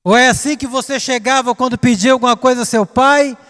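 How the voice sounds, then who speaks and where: A man with a Brazilian Portuguese accent preaching a sermon, dramatic, swinging from hushed to loud. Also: very high-pitched, fairly even intonation, brisk. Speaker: pastor. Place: church. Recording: reverberant church hall.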